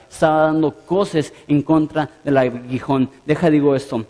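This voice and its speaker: A man's voice: on the high side, a little mellow, long reverb tail. A man preaching a sermon as pastor, earnest and emphatic, lifting his voice on quoted prayers.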